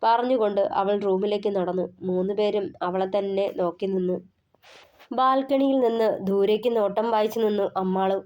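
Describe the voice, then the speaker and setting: A woman author narrating her own novel in a steady storytelling voice. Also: medium pitch, moderate pace.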